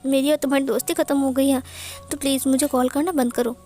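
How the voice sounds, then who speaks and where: A woman's voice: high voice, fairly even intonation, fast talker, warm tone, faint music behind, close to an everyday voice. A woman voicing an indignant young man who stammers as he cuts off a friend. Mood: flustered. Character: young man, heartbroken, angrily cutting off a friend.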